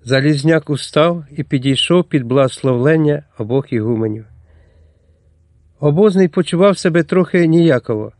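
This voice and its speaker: Чоловік розповідає художній текст рівно й виразно. Голос трохи вищий за звичайний чоловічий, а запис сухий і близький, без відлуння. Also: male voice, fairly high pitch, moderate pace, darkish tone, no echo, clean studio sound. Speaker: audiobook narrator. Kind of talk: scripted narration.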